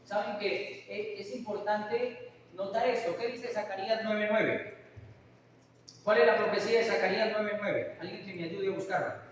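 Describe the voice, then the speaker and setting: A man's voice: high-pitched, steady tone, normal speed. A man preaching a sermon, often putting questions to his congregation. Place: church hall. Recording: echoey hall from far off, faint hiss.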